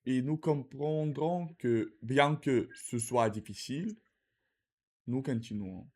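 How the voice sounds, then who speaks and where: A man with a Russian accent in French, practising the language by repeating example sentences in a halting way. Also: mid-range voice, darkish tone. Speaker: French learner practising with a partner.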